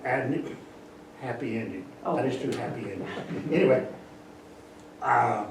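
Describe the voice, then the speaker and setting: Older male guest speaker, chatty and animated, mid pitch; distant mic in a roomy space. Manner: chatty, animated, acts out bird voices. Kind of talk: casual public talk. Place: library meeting room. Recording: echoey room, distant mic, faint hiss.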